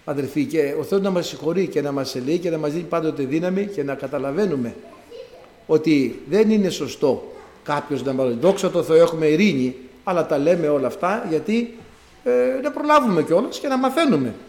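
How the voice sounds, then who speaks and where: Lively, echoey Greek-church preacher man. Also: fairly high pitch. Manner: storytelling with acted-out quotes, lively. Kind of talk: sermon.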